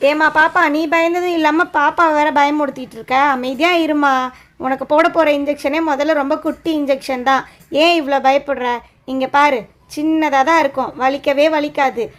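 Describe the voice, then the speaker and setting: A woman's voice: high-pitched, steady tone, normal speed, lightly acted. A woman voicing a patient adult nurse doll who soothes and coaxes a frightened child in a doll show. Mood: coaxing. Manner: soothing, coaxing, explaining step by step.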